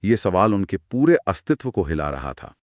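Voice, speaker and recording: A man co-hosting a conversational retelling of scripture, narrating with expressive, dramatic pauses. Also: sits low, no room sound, studio quality. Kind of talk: conversational storytelling discussion.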